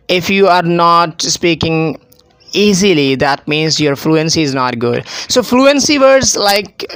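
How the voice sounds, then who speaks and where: Patient teacher with a smooth voice. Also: male voice, fairly high pitch, fairly bright tone, dry recording, poor audio. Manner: patient, explanatory, repeats key phrases. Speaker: English teacher. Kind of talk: IELTS speaking lesson, conversational.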